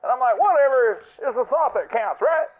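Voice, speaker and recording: A man's voice: very high-pitched, animated, a little fast. A man putting on a cheerful, clueless caller who rambles obliviously and chuckles, heard as a voicemail over a phone line. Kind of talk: comedic prank voicemail.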